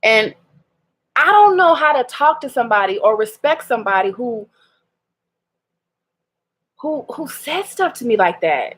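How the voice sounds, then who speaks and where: A woman's voice: on the high side, very animated, a little slow, pauses often, fairly bright tone, husky. A woman, talking candidly in a personal vlog, hurt and laughing ruefully through her restarts. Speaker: vlogger.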